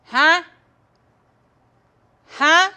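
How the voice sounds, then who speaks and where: Folksy, gruff older father, put on by a woman storyteller. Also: very high-pitched, very slow, pushed and bright, voice pushed up, heavily acted.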